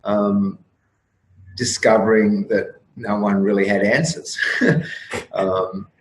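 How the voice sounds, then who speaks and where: A man in his fifties, a guest on an interview show, musing in a rambling, reflective way with frequent restarts and soft laughs. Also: fairly low pitch, fairly even intonation, takes it slowly. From Australia. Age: 50s. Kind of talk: casual interview talk. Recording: roomy echo with faint room noise.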